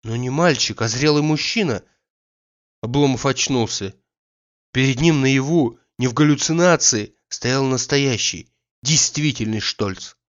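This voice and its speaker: Guy reading an old novel, steady even storytelling, mid pitch, kinda dull lo-fi audio. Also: unhurried. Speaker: audiobook narrator.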